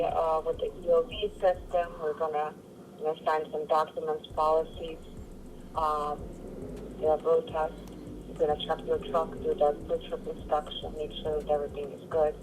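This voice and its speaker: A woman's voice: deep voice, steady tone, normal speed, background noise. Patient woman recruiter over the phone. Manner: patient, hesitant with many fillers. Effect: heard over a phone call. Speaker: trucking company recruiter. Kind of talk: phone call answering a job inquiry.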